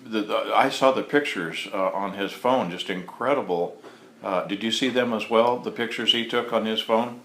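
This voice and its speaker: A male interviewer asking curious, halting questions with frequent fillers. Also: on the low side, a bit bright, slight background noise. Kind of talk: casual interview. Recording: echoey room with faint ambience.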